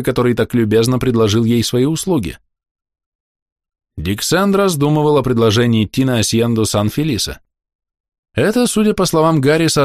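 A man narrating an audiobook in a measured, expressive reading. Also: mid-range voice, no room sound, clean studio sound. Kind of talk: scripted narration.

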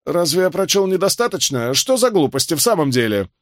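A man's voice: fairly high pitch, big pitch swings, fairly quick, no room sound, clean studio sound, pitched above the performer's own voice. A man reading an audiobook, voicing a frightened, guilt-ridden older doctor who talks in a trembling, pleading way. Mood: defensive.

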